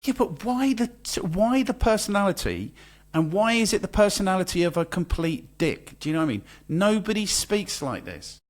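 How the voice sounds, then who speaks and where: Ranting man, higher-pitched. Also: sing-song, fairly quick. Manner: exasperated, ranting, swears freely. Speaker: podcast co-host. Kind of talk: casual chat.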